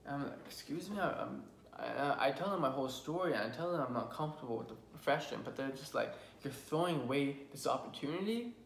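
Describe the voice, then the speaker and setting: A man's voice: mid-range voice, lively intonation, fast, gravelly, hardly any pauses. Earnest young man telling his story. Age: 20s. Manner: earnest, emotional, full of restarts. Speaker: vlogger. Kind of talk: personal storytelling vlog. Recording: roomy with faint background hum.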